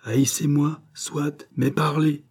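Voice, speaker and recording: A man's voice: fairly high pitch, little pitch movement, slow pace, darkish tone, husky, voice pushed up, exaggerated voice. A man voicing a cool, commanding doctor hypnotizing a countess, in an audiobook. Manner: firm, insistent, commanding. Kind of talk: audiobook character voice.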